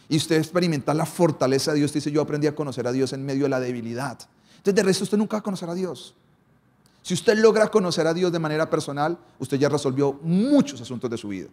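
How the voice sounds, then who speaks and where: Preaching with a darkish tone and a voice a little high for a man, this pastor shifts between rapid passages and slow, heavy lines, varying his emphasis and frequently stopping on a rhetorical question.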